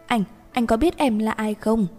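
A woman's voice: a little high, normal speed, darkish tone, lightly acted. A woman voicing a drunk, stubborn young woman who talks in a clingy, bossy way. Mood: tipsy. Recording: reverberant room with faint music.

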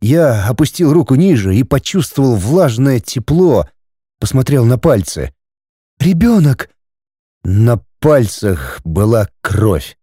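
A man narrating a first-person audiobook in a dramatic, expressive reading. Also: mid-range voice, unhurried, breathy edge, no echo, studio quality.

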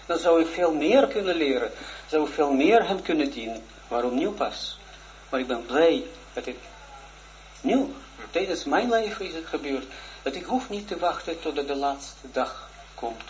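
A man in his forties, a religious teacher, giving a shy, earnest personal testimony in a lesson, halting and full of restarts. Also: on the high side, animated. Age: 40s. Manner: halting, hesitant, with many restarts. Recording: dull lo-fi recording with faint noise.

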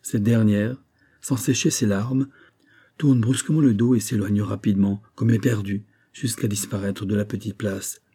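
A man narrating an audiobook novel in a measured, solemn way. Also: fairly low pitch, steady tone, dark tone, husky.

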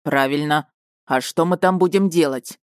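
Stern male space captain, slow and commanding, low dry voice, voiced by a woman. Audiobook. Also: dry recording, natural voice. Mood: puzzled. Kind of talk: audiobook character reading.

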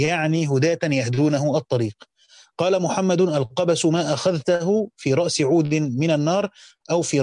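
A man with an Egyptian accent and a slightly high voice reads an old commentary on the scripture and pauses to explain it. He moves from measured formal recitation into relaxed colloquial remarks. The sound is dry and close, with no room behind him. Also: no echo. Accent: Egyptian Arabic. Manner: switches between careful classical reading and casual colloquial asides. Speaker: teacher reading and explaining a Quran commentary. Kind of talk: reading a classical text aloud with spoken commentary.

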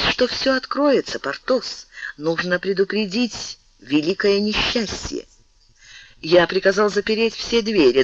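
A man voicing a scheming male bishop who speaks softly but commandingly. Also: high voice, no room sound, lo-fi sound, pitched above the performer's own voice, heavily acted. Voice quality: soft, hushed, urging.

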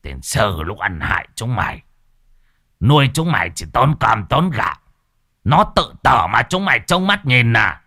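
A man voicing a furious, greedy old village chief who snarls and shouts abuse at his servants. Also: medium pitch, big pitch swings, moderate pace, exaggerated voice. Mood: raging, abusive. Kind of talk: storytelling voice acting.

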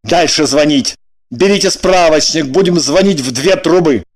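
A man's voice: on the high side, normal speed. A man voicing a dry, sardonic man in an audiobook, matter-of-fact and mocking.

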